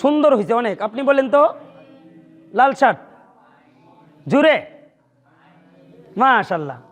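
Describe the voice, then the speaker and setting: A man's voice: extremely high pitch, sing-song, a little slow, fairly bright tone. A man teaching a class, coaxing his students to repeat letters after him and praising their tries. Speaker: Quran teacher. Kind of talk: classroom lesson with call-and-response drills. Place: classroom with a board.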